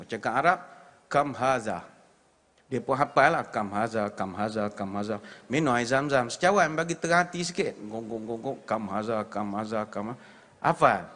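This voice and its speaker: A man with a Malaysian Malay accent delivers a lively, humorous religious talk from a stage. His voice sits slightly high and rings with the long reverb of a large hall. He slips into comic impressions and drawn-out chanting as he tells his stories. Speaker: preacher.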